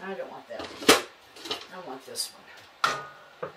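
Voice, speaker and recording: A woman's voice: a bass voice, lively intonation, takes it slowly. An older woman giving a casual, folksy cooking demonstration as she works in her home kitchen, talking to a camera a few feet away. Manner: homespun, chatty, folksy kitchen talk. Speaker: home cook, cooking show host. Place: home kitchen, indoors at the stove. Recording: echoey kitchen, distant mic, background noise.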